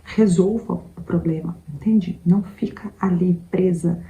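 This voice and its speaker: A woman with a low, very dark and mellow voice gives a conversational motivational talk. She keeps checking in with the listener as she speaks, and the sound carries the ring of an echoey room. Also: fairly even intonation, a little slow, lo-fi sound. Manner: conversational, repeats "entende?" to the listener. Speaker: self-help video host.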